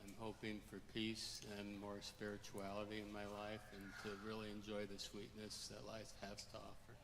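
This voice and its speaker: Flat-voiced man in his sixties. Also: lowish voice, normal speed, background noise. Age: 60s. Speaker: congregant. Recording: distant in a reverberant hall.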